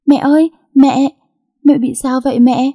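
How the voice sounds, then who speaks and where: A woman's voice: fairly high pitch, steady tone, moderate pace, mellow, close to an everyday voice. A woman voicing a sweet, affectionate ten-year-old girl in a storybook reading, with an eager, childlike manner. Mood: crying, panicked. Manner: eager, tearful when frightened.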